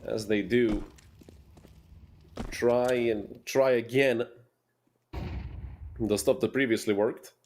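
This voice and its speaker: A man casting a competitive shooter match solo, giving quick play-by-play with dry asides. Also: mid-range voice, steady tone, darkish tone, slight background noise. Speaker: esports caster.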